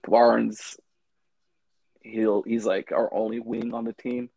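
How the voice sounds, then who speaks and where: A man's voice: mid-range voice, level tone, slow, vocal fry, dark tone, no echo. A man co-hosting a casual sports podcast, talking in a loose, rambling way. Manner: loose and rambling, frequent restarts. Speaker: podcast co-host.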